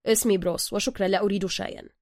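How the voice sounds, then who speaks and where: A woman's voice: medium pitch, steady tone, rapid-fire, a little mellow, dry recording, clean studio sound, natural voice. Woman voicing a stiff, formal foreign man. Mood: curt. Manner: formal, curt.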